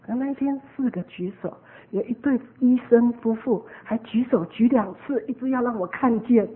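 A woman giving an earnest, animated sermon testimony as a preacher. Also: fairly high pitch, moderate pace, a little hiss or hum. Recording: narrow phone-like lo-fi recording.

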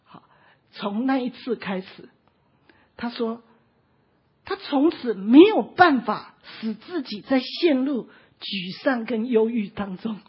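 Slow and pausing often, a woman preaches with a somewhat high, animated, breathy voice, heard through a dull lo-fi recording. Her sermon is emotional and impassioned, often verging on tears, with frequent "ha" tags.

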